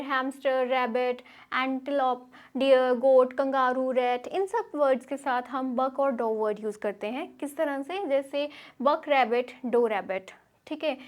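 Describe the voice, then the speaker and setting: High-voiced Indian woman teaching. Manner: explains in Hindi, checks in with frequent "theek hai". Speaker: English teacher. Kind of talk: classroom lecture over slides.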